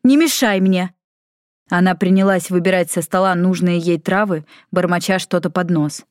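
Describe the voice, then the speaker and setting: A woman reading fiction in an even, measured manner. Her voice sits low for a woman. The recording is dry and close, with no room sound. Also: no room sound. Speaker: audiobook reader. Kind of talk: scripted narration.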